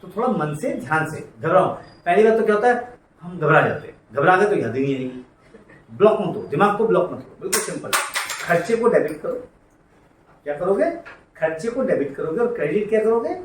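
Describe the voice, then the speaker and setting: A man lectures an accounting class, drilling students to repeat entries and scolding them in a familiar, coaxing way. His voice is high-pitched and brisk, with lively intonation. The room is echoey, the mic is distant, and there's faint noise.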